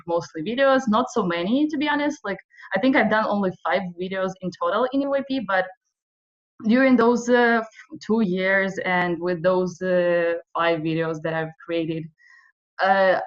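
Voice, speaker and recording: A young woman from western Ukraine in her twenties, leading an online video workshop in a hesitant way, with many fillers. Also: medium pitch. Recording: slightly dull audio.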